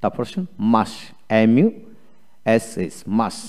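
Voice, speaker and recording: In a video lecture, a man with a Bengali accent teaches English spelling, drilling each word slowly letter by letter and repeating it. His voice sits on the low side, with a sing-song lilt and a slightly mellow tone.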